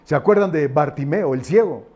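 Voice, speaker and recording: A man's voice: fairly high pitch, expressive, brisk, muffled recording. A male pastor giving a sermon with a personal testimony, emphatic and repetitive, with frequent fillers and tag questions.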